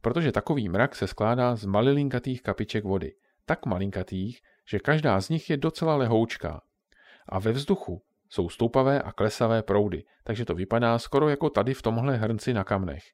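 A man's voice: medium pitch, animated, dry recording, clean studio sound, natural voice. Man reading as a patient old grandmother. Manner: patient, explanatory. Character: kindly old grandmother explaining science to grandchildren.

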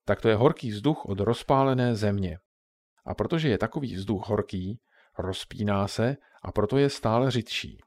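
A man voicing a kindly old grandmother who patiently explains things to her grandchildren, in a low voice. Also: darkish tone, dry recording, clean studio sound.

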